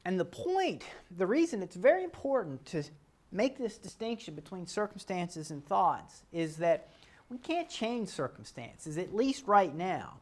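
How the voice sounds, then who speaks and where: A man calmly teaching a self-help model, explaining step by step and often correcting himself mid-sentence. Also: sits high, measured pace.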